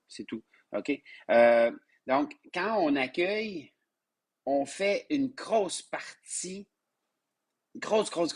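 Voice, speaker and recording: During a live-streamed spiritual lesson, a teacher with a Québécois French accent speaks in a mid-range voice made hoarse by a sinus infection. He often repeats words and restarts, and he calls his listeners his loves.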